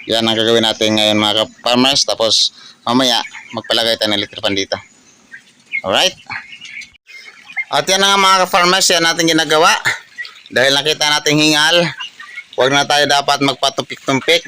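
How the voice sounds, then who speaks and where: A man giving a casual farm walkthrough, pointing at things and circling back to the same points. His voice sits at a middle pitch. Clucking chickens and farm noise come through clearly behind him. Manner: repetitive, pointing things out, many fillers and tag questions. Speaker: poultry farm vlogger.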